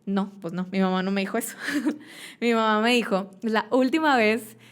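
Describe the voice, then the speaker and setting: A woman's voice: medium pitch, moderate pace, smooth. A young adult woman with a Mexican accent, a podcast guest telling stories in casual chat and acting out the voices of the people in them. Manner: animated storyteller, acts out quoted voices.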